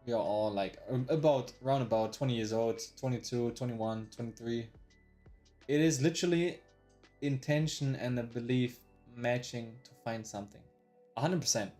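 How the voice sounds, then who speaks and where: Over faint music, a man in his early twenties talks at a moderate pace in a mellow, medium-pitched voice while live-streaming his day trading. His rambling, slang-heavy talk is full of swearing, "bro," restarts, and replays of what he was thinking before.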